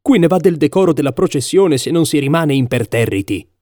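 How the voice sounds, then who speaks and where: A vain, proud emperor from a storybook, as a male narrator puts him on, talking slowly and stately. His voice is warm, mellow and dry. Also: on the high side, expressive, dry recording, lightly acted. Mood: grim.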